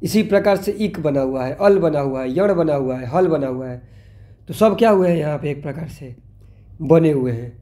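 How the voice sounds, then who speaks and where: A male teacher talks through a grammar lesson in a high, mellow voice. He keeps asking the class questions and answering them himself. Now and then he slows down to spell out sounds one by one. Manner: explanatory, asks and answers own questions.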